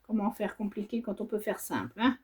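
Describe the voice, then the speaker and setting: Stitching all the while, a woman embroidery vlogger does a casual quiz, voicing the options and hesitantly weighing them. Her mid-range voice is very animated and a little fast, with a darkish tone and a breathy edge.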